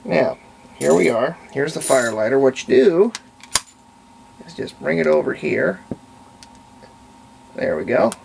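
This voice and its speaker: A gravelly-voiced man, a radio repair hobbyist, narrates a casual hands-on tutorial at his home workbench, folksy and unhurried as he thinks aloud while working. His voice sits on the high side, very animated and darkish in tone. The low-quality recording carries faint home-workshop background noise.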